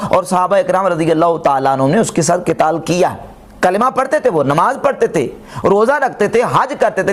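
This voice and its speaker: A man giving an argumentative religious lecture, firing rhetorical questions and quoting Arabic. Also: sits high. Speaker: religious scholar reviewing a speech.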